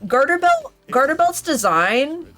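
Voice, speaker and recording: A woman's voice: high-pitched, very animated, a little slow, pushed and bright. A woman in her thirties streaming a game, chatting in a rambling, casual way and swearing freely. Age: 30s.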